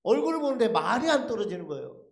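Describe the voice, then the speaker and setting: A man's voice: high voice, very animated, racing, vocal fry. A man giving a dramatic testimony at a church service, telling his story with rhetorical questions thrown to the congregation. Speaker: lay speaker giving a testimony. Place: church sanctuary. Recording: echoey church hall.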